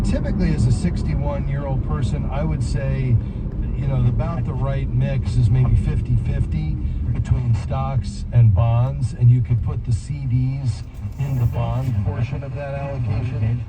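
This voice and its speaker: A man hosting a call-in radio show on personal finance, explaining in a measured way with fillers. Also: medium pitch, steady tone. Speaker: radio financial advice host. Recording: lo-fi radio played in a moving car. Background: loud car and road noise.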